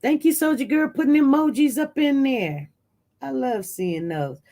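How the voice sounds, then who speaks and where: A livestream news host chats casually through the headlines and reads viewer comments aloud at a normal speed. Animated reactions send the voice leaping high and loud before it falls back to a low mutter, and the rambling talk is full of restarts.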